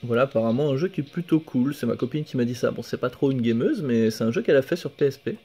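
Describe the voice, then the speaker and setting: A young man casually showing off his flea-market finds in a home vlog, relaxed and hesitant, full of fillers and self-corrections. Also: medium pitch, fast, slightly rough. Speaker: video game collector vlogger. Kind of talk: casual show-and-tell vlog. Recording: faint background music.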